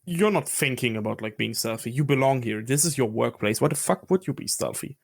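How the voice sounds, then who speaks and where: A man's voice: medium pitch, lively intonation, brisk, gravelly. A man narrating a tabletop game as game master, loose and profane. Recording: music bed underneath.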